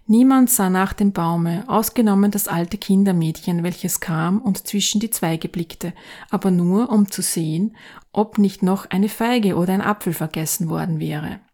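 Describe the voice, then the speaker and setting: A woman narrating a fairy tale in a calm, even storytelling voice. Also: mid-range voice, a little slow.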